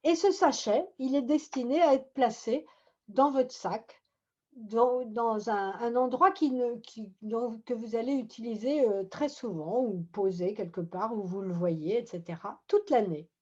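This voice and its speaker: A woman leading a group meditation on a video call, talking gently and unhurriedly, often restarting her phrases. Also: a little high, a little slow. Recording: muffled video-call audio.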